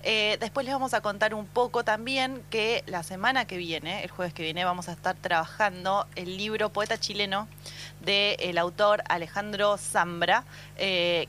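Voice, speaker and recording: A woman's voice: mid-range voice, a little slow, a bit bright, slight background noise. A woman with an Argentine accent hosting a casual literary radio show, chatty and enthusiastic, repeating words for emphasis.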